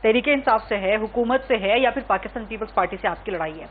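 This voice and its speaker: A woman's voice: mid-range voice, phone-quality sound, slight background noise. A woman hosting a political talk show, pressing her guests with pointed questions and cutting in.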